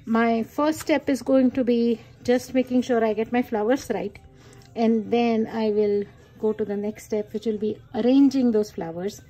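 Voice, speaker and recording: A woman's voice: a little high, fairly even intonation, measured pace, warm tone, soft background music, poor audio. A woman talking casually through a card-making tutorial, chatty and enthusiastic, thinking aloud with many fillers. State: hiccuping. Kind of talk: casual craft tutorial talk.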